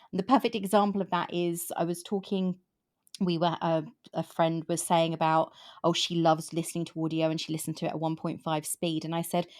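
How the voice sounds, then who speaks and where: Female host, 50s, lowish voice, rambling casual talk. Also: darkish tone. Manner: rambling, with frequent restarts. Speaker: podcast host. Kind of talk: casual book chat.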